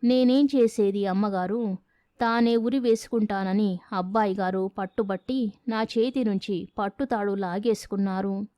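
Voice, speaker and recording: A woman's voice: medium pitch, fairly even intonation, moderate pace, warm tone, no room sound, close to an everyday voice. A woman voicing a crafty male household cook who talks in a deferential, polite way in a storybook reading.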